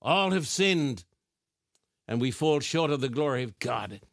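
A man preaching a televised sermon from a studio, reading scripture slowly and deliberately and speaking directly to his viewers. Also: medium pitch, expressive, a bit bright, no room sound. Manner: slow, deliberate, emphatic, addresses viewers directly.

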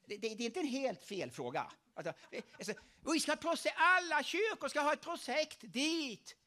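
A male pastor delivering a lively sermon, often pausing to tell the congregation to listen. His voice sits high and leaps widely in pitch as he drives each point home. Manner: animated, repeatedly urging listeners to pay attention.

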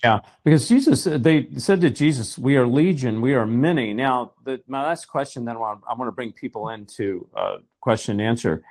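A man hosts a talk show, asking his guest questions in a relaxed, conversational voice. His speech is even and mid-pitched, with occasional fillers. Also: brisk, hardly any pauses. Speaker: host. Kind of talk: hosting a call-in talk show.

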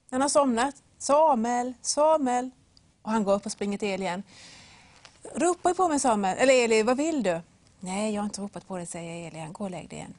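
A woman's voice: medium pitch, dry recording. A woman giving a devotional talk that retells a Bible story, acting out the voices and speaking straight to the listener with simple examples. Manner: storytelling with acted-out voices and a whispered aside.

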